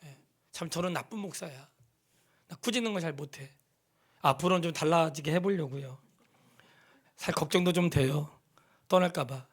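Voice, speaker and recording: A middle-aged man, a pastor, preaching a sermon in church, swinging from loud exhortation to hushed near-whispers and quizzing the congregation. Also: on the high side, moderate pace, pauses often, breathy edge. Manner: questions the congregation and has them repeat lines. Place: church sanctuary.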